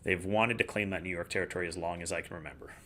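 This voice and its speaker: Male co-host, lowish voice with a bright, forceful edge, relaxed explainer. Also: very fast. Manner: explanatory, relaxed, plain-spoken. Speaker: podcast co-host, hockey analyst. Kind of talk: casual sports analysis.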